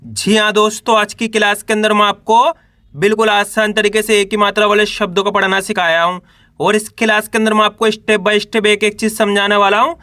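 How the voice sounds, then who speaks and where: A man's voice: sits high, level tone, a little fast, bright, forceful tone, dry recording. A man teaching Hindi reading step by step, sounding out syllables and asking and answering his own questions. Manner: Hindi teacher using colloquial "apan" for "we".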